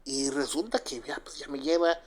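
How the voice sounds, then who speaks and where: A man's voice: mid-range voice, normal speed. Rambling Mexican man telling a story. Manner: rambling, filler-heavy with frequent "pues" and "¿verdad?". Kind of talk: first-person true story.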